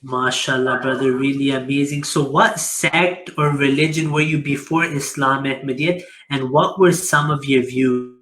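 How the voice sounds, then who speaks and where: Dude hosting an interview, bright sharp voice, polite and formal. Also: male voice, medium pitch, fairly even intonation, moderate pace, hardly any pauses. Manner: formal, with religious greetings. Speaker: host.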